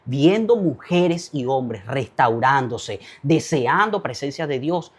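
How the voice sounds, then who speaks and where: A man's voice: mid-range voice, expressive, slow, husky. A man who is a pastor, telling a story as a testimony in a fervent, preacher-like way.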